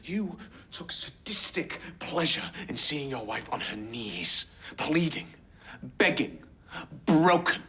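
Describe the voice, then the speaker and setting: An actor playing a relentless, accusing male prosecuting barrister in a TV soap, with measured, pointed rhetorical questions. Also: mid-range voice, sing-song, fairly bright tone, slight background noise. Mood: grave, pressing. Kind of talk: TV soap courtroom acting.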